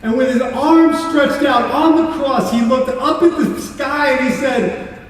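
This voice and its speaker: Guy playing a guilty condemned criminal, earnest and halting, kinda high voice, big echoey church from way back. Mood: awed confession. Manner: earnest, halting, repeats words. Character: remorseful condemned male criminal at crucifixion. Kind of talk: dramatic church monologue. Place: large church sanctuary. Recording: echoey hall from far off.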